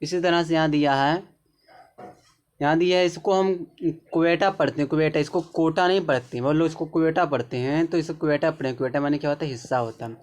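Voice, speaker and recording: Guy with a hindi accent teaching english sounds, slightly high voice, slow and repetitive. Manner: slow, repetitive explaining, often checking in with the viewer. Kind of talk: spoken-English lesson explaining pronunciation.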